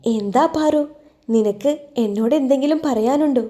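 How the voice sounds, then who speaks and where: A woman voicing a patient young heroine in an audio love story, speaking in a gentle, comforting way. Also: a little high, normal speed, close to an everyday voice.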